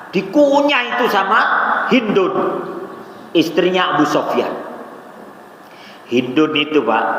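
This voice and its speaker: A man preaching at a dawn gathering in a mosque. He tells the story in a lively way, acts out the dialogue and keeps calling his listeners "Pak". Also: on the high side, a little hiss or hum. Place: mosque hall. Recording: very echoey mosque hall, long reverb.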